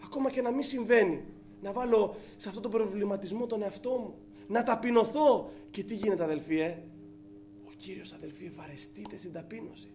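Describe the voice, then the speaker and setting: A man's voice: sits high, a little mellow, a little hiss or hum. A male preacher giving a fervent sermon, addressing the congregation as brothers, with frequent hesitant fillers.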